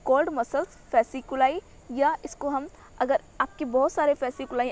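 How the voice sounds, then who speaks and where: A young woman teaching a biology class, explaining a diagram step by step. She asks rhetorical questions, repeats a steady filler tag, and reads textbook lines slowly. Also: high-pitched. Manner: mixes in English phrases and reads textbook sentences slowly.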